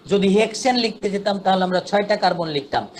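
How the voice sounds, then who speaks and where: A man's voice: high voice, quick pace, slight background noise. A man teaching a chemistry class online, patient and repetitive, counting steps aloud.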